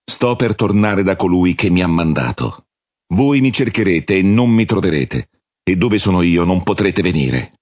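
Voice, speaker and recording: A man reading the part of a calm, solemn male religious teacher in a measured, husky voice. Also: low voice, no echo, studio quality.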